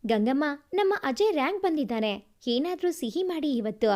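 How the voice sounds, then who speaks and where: A woman voicing a grieving but steady young woman, speaking earnestly in a story reading. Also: high voice, normal speed. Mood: tender.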